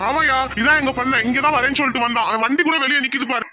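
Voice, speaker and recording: A man's voice: extremely high pitch, fairly even intonation, racing, pushed and bright, soft background music, heavily acted. A man voicing a wailing old village father. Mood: anxious. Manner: wailing, pleading lament. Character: grieving elderly village father, head of family. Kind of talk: Tamil cartoon drama voice acting.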